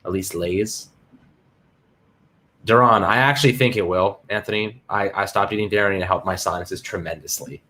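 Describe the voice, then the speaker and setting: A man's voice: on the low side, normal speed, sharp tone. A man hosting a casual sports livestream, talking in hyped slang and greeting chat viewers by name. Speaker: livestream host.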